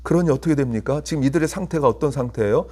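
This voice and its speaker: A man preaching an early-morning sermon at a middle pitch. He keeps asking the listeners questions, and his voice climbs to emphatic peaks before dropping back low. When he leads the prayer he slows down and turns soft. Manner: soft, slow and hushed when leading prayer. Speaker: pastor.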